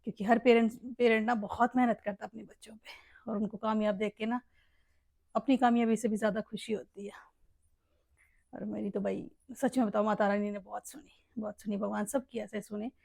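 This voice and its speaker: A woman's voice: mid-range voice, steady tone, a little fast, creaky, darkish tone, no echo. A middle-aged woman with a Haryanvi accent, a mother and family vlogger, chatting casually and emotionally with rambling asides. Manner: emotional, rambling, often addresses listeners as "bhai". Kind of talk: casual heartfelt vlog chat.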